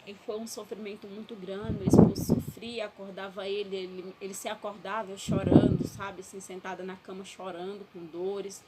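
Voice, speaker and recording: A woman's voice: medium pitch, level tone, normal speed, few pauses. A woman giving an emotional, earnest personal faith testimony from her bedroom. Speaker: testimony speaker. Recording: loud background noise.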